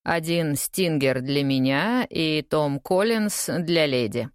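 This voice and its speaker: Woman reading a deadpan English lawyer. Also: low-pitched, takes it slowly, clear, resonant tone, no room sound, clean studio sound. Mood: dry teasing. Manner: calm, teasing, deadpan. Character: suave, unflappable English lawyer, man, dry wit.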